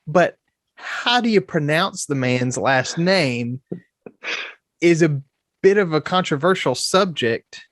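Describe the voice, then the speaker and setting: Dude co-hosting a football podcast, bit high voice, super dry sound. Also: male voice, expressive, slow pace, fairly bright tone, no echo. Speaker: podcast co-host. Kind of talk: casual sports podcast chat.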